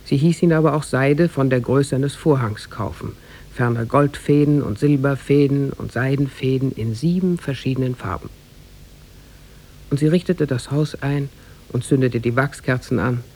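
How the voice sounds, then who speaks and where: This is a scripted story for 1950s German radio, told by a man in a formal, measured way. His voice is gravelly and husky, medium in pitch and a little mellow.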